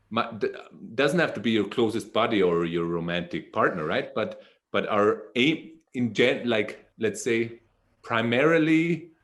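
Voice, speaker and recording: A man hosting a podcast, talking in a hesitant way and searching for his words in casual conversation. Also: fairly low pitch. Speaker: podcast host.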